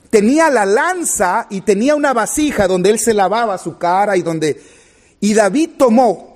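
A man preaching a sermon to his congregation, retelling a scripture story and speaking to his listeners directly. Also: sits high. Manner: animated, rising and falling, retelling scripture with quoted dialogue.

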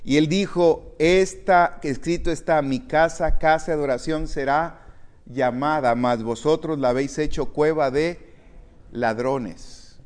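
A man preaching a sermon to his congregation, addressing them directly and swinging from quiet reflection to loud, emphatic calls. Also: fairly high pitch, measured pace. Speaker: pastor.

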